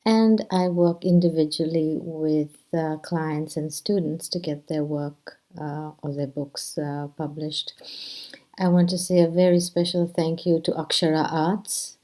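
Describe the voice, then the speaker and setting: A middle-aged woman from India, a poet and teacher, introducing her poetry reading in a soft, hesitant way with many fillers. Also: low-pitched, fairly even intonation, measured pace.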